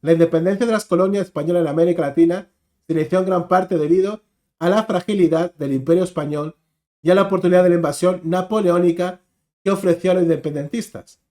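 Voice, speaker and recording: Un hombre con acento de España que comenta y reflexiona con calma sobre un video de historia. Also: male voice, sits high, fast talker. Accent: Spanish from Spain. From Spain. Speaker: reaction video host. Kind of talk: casual commentary.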